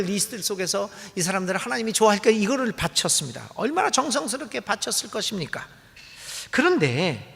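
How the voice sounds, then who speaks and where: Animated Korean pastor in a reverberant church. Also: male voice, sits high, creaky. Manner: dramatic, acts out pleading voices and rhetorical questions. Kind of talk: sermon. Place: church sanctuary. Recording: long reverb of a church hall.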